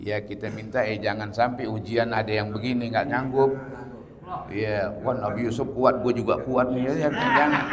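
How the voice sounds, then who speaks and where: A man preaching a casual sermon lesson, moving between chanted Arabic and joking everyday slang, from loud to soft. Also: mid-range voice. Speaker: Islamic preacher teaching tafsir. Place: large prayer hall. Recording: dull lo-fi audio in a long-echo hall.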